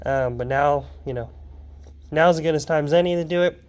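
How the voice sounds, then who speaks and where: In a home garage vlog, a young car hobbyist who sounds a little sick and wheezy rambles through his car work, full of ums and side comments. His voice is on the high side, clear and resonant, and a little fast.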